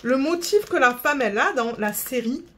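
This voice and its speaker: A woman's voice: high voice, animated, normal speed, a bit bright, a little hiss or hum. A woman vlogger chatting casually, rambling and searching for words while she sorts craft beads. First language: French. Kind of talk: casual chat.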